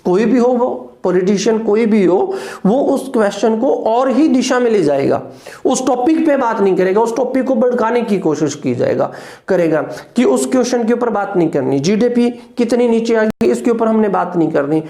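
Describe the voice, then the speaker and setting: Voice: mid-range voice, lively intonation, normal speed, warm tone. An English teacher giving an exam-prep lecture, repeating each point and answering their own rhetorical questions. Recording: echoey room.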